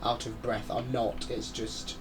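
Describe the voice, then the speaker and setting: Over a noisy background, a man hosting a gaming channel narrates a racing game at a measured pace in a level, mid-range voice. He rambles, chats and mutters asides, breathing through his mouth because a head cold has blocked his nose.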